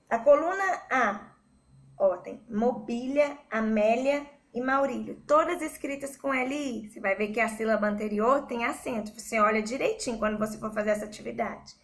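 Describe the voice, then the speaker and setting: A Brazilian woman teaching a recorded school lesson, patiently repeating words slowly to explain a spelling rule. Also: on the high side. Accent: Brazilian Portuguese.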